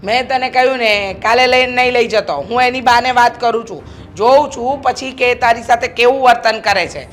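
A woman's voice: on the high side, moderate pace, lightly acted. A middle-aged woman playing a bossy, scheming mother-in-law who protects her son. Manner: bossy, scolding.

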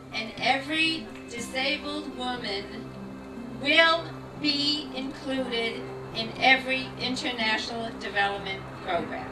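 A woman delivers a public speech in a high voice, slow and rousing, pressing each word. She is heard from a distance in an echoey room, with clear music underneath.

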